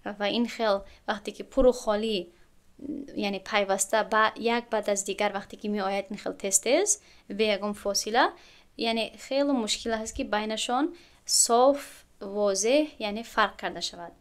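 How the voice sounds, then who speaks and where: Speaking at a medium pitch, a woman with a Tajik accent teaches tajwid step by step. She poses rhetorical questions and chants the example words slowly.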